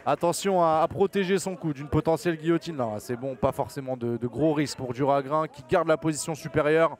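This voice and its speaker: A man's voice: on the high side, brisk. A man giving live MMA commentary as lead commentator, keen and emphatic in his play-by-play.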